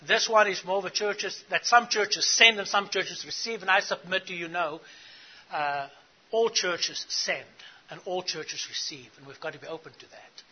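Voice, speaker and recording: A husky, high-pitched middle-aged man from South Africa speaks at a normal pace, earnestly teaching church leaders at a conference and questioning the audience. The recording is lo-fi.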